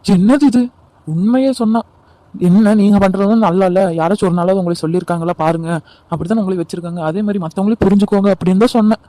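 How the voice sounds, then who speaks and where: Man voicing a scornful young daughter-in-law, cartoon, high pitched, fast, dark dry sound. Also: no room sound, natural voice. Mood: defensive. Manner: scornful, defensive. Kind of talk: amateur cartoon voice acting.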